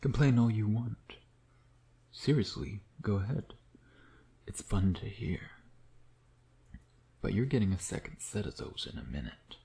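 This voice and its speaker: Heavily acted and dark in tone, this low-leaning male voice portrays a smug vampire predator in intimate ASMR, teasing and flirting with sardonic edge and recurring breathy murmurs.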